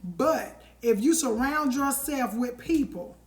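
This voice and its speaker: Woman, live-stream host, fairly high voice, emphatic preacher-style motivational talk. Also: expressive, slow. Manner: emphatic and preachy, addressing viewers directly with endearments.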